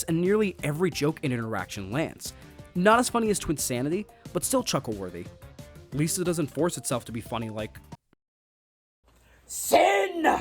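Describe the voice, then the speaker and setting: A man narrating a scripted game review with sarcastic, jokey asides, over faint background music. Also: a little high.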